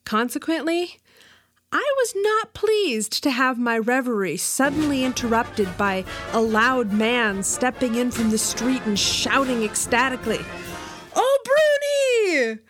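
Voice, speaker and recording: A woman's voice: on the high side, a little slow, over music. A young American woman reading her own memoir with wry, dramatic storytelling. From United States. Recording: dry close recording.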